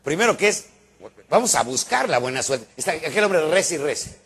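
A man with a Mexican accent giving a live motivational talk to an audience, animated and storytelling, acting out little voices along the way. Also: fairly high pitch, a little fast, husky. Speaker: motivational speaker. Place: stage before an audience.

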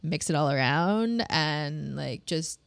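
A woman's voice: sits low, animated, takes it slowly, gravelly, dry recording. A woman co-hosting a podcast in casual chat, chatty and self-deprecating, laughing often. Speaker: podcast co-host.

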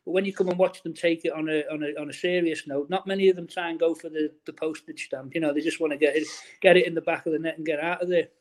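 A man's voice: fairly high pitch, fairly even intonation, quick pace, few pauses. A middle-aged man, a former footballer chatting in an interview, restarting his sentences often and filling with "you know". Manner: chatty, many restarts and fillers. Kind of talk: casual interview, reminiscing.

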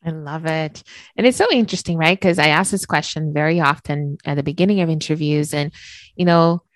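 A woman's voice: low voice, fairly quick, no room sound. A woman hosting an interview, enthusiastic and chatty, leaning on fillers. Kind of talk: conversational interview.

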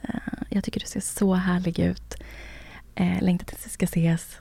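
Here is a woman putting on a sweet-talking flirt for a dating match, in a whispered role-play. The voice stays hushed and low, with a light gravelly edge and no room sound at all. Every word comes out soft and coaxing. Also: level tone, no room sound. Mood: flirty.

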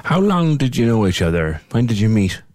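A man's voice: medium pitch, big pitch swings, brisk, a little mellow, no echo, studio quality. A man asking questions as an interviewer, in a sympathetic, understated conversational way.

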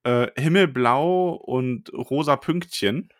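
A man co-hosting a casual podcast, chatting about a book chapter, animated and quick to laugh. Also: mid-range voice, no echo, clean studio sound. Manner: animated, laughs often, retells scenes in voices. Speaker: podcast co-host.

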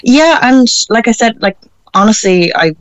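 A woman's voice: on the high side, lively intonation, moderate pace, dry recording, highs cut off. A woman with a west of Ireland accent talking candidly in an interview, hesitant and informal. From Galway, west of Ireland. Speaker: interview guest, performer.

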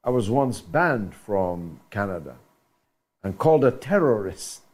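Older man, unhurried call-in host, pauses a lot, firm emphasis. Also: lowish voice, sing-song, darkish tone. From Britain. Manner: deliberate, many uh pauses, emphatic. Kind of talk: radio phone-in talk.

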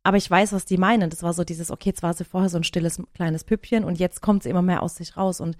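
A woman in her thirties, a podcast co-host, chatting casually and telling long stories in an animated way. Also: fairly low pitch, fast talker, dry recording, studio quality. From Germany. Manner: animated storyteller, talks at length. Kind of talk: casual chat.

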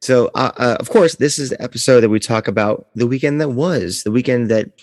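A man's voice: mid-range voice, fairly quick, darkish tone, no room sound, studio quality, long reverb tail. A man hosting a podcast in a casual, chatty style. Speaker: podcast host. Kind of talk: casual chat.

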